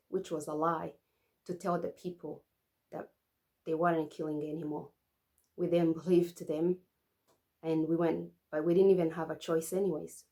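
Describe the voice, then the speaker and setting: A woman in her forties gives personal testimony in a mellow, lowish voice. She keeps an even, level pitch throughout. Her retelling is steady and measured, set out in short phrases. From Rwanda. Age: 40s. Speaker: survivor giving testimony.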